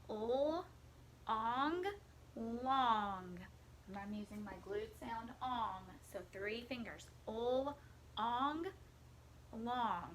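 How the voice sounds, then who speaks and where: A woman's voice: on the high side, a bit bright, a little hiss or hum. A woman teaching a phonics lesson to young children, patiently stretching out the sounds of words.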